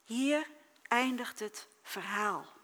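A woman preaching a sermon in a slow, deliberate way. Her voice is bright and a little high. She reads scripture dramatically, rising to loud cries and dropping to near-silent soft words. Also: lively intonation. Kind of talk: sermon with Bible reading.

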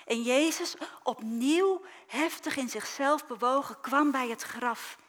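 Slow, bright-voiced woman preaching. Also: high voice. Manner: slow, dramatic reading with sudden loud cries and soft drops. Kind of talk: sermon with Bible reading.

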